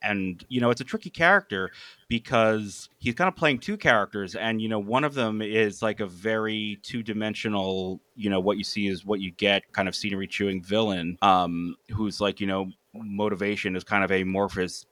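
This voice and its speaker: A man's voice: lowish voice, moderate pace, fairly bright tone, no room sound. A man with a General American accent, talking casually as he leads a podcast discussion about film. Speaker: podcast host leading the discussion.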